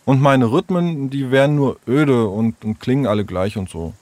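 A man's voice: mid-range voice, normal speed, a little mellow, no echo, pitched above the performer's own voice, natural voice. A man voicing a hurt, shy young boy who mumbles hesitantly and sounds dejected.

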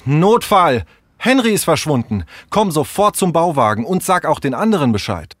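A man's voice: medium pitch, expressive, moderate pace, dry recording, voice pushed up, natural voice. A man voicing an earnest, caring young boy who reassures his friend.

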